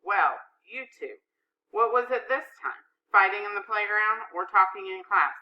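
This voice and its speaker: A woman's voice: medium pitch, lively intonation, unhurried, muffled recording, close to an everyday voice. A woman doing a snappish irritable headmaster. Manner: snappish, sarcastic. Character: stern irritable middle-aged male headmaster.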